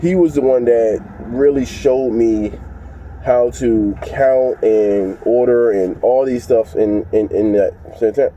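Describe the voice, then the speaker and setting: A man's voice: mid-range voice, takes it slowly. A man with a congested voice, chatting loosely to his viewers with lots of fillers and restarts while he drives. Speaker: vlogger. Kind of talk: casual talk to viewers while driving. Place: inside a moving vehicle. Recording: dull lo-fi sound with loud road noise.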